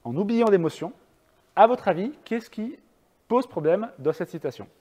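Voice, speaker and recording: A French man gives a public lecture and takes audience questions, speaking in a high, animated, husky voice with a dark tone at normal speed. He is chatty and hesitant, full of fillers and restarts, and the hall adds a long reverb.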